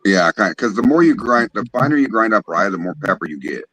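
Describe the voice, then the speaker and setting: A man's voice: on the low side, animated, quick pace, fairly bright tone, poor audio. A man chatting casually in an agreeable, plain-spoken manner. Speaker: home distiller. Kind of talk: casual chat.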